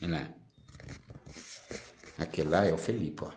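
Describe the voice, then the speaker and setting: A man's voice: a bass voice, moderate pace, darkish tone, slight background noise. A man giving informal spiritual teaching as a medium, teasing and chatty, full of rhetorical questions. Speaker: spiritist medium answering viewers. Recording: roomy echo.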